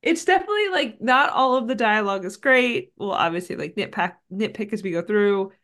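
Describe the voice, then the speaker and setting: A woman in her thirties co-hosts a casual movie podcast, rambling through a recap chat with plenty of "like" and "um". Her medium-pitched voice is expressive and a bit bright, and she talks a little fast.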